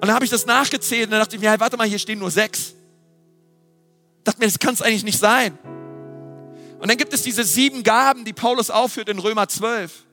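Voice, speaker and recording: A man giving a lively, emphatic sermon with dramatic questions. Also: high-pitched, brisk, long pauses, faint music behind. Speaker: preacher.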